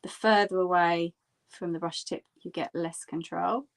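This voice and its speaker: A woman giving a casual step-by-step painting demonstration as an art instructor, in a gentle, encouraging manner. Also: lowish voice, steady tone, moderate pace, gravelly. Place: indoors at a tabletop.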